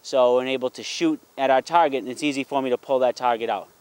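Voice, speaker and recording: Talking fast in a darkish yet clear, resonant voice of medium pitch, a middle-aged man hosts a hunting and fishing show with folksy, encouraging barbecue-dad charm. He explains things casually to family and camera, with no room sound.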